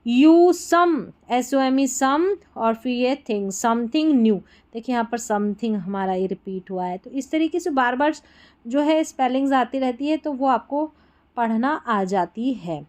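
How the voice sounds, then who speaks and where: Slow, clear woman teacher. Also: a little high, animated, darkish tone. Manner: spells words letter by letter and drags out English words. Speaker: English teacher. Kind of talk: slow word-by-word reading lesson.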